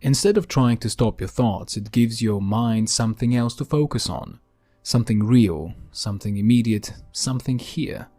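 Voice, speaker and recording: A man hosting a podcast in a calm, gentle, unhurried way, narrating a scripted grounding exercise with deliberate pauses. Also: medium pitch, faint music behind. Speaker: podcast host.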